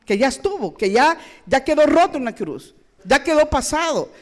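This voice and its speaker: A woman's voice: high-pitched, big pitch swings, moderate pace. A woman pastor, preaching a sermon with rhetorical questions and playful asides.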